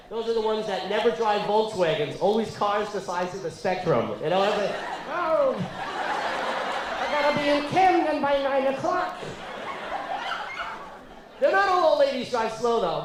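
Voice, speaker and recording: A man performing a stand-up routine on a comedy club stage, wry and punchy, shouting his punchlines, with an audience laughing. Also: high-pitched, expressive, a little fast, hardly any pauses, background noise. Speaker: stand-up comic. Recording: echoey club with loud laughing crowd.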